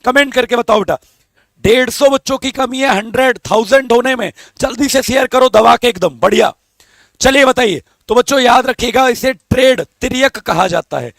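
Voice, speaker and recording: A man's voice: very high voice, normal speed, creaky, no echo, studio quality. A male teacher, giving a live exam-prep lesson, coaxing students for answers and talking through a strained throat. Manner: coaxing, calls students beta and babu, asks for comments.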